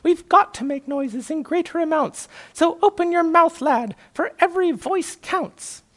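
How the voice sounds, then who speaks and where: A man voicing a tiny, pompous, anxious mayor of a miniature town in a storybook reading, shrill and urgent. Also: a little slow, fairly bright tone. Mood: rousing, grave.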